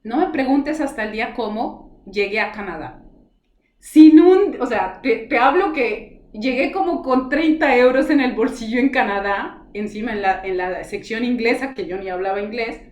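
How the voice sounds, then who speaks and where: In an echoey room, a woman who works as a spiritual guide recounts her story with earnest emotion, performing the conversations as she tells them. Her voice is a little high, expressive and darkish, at normal speed.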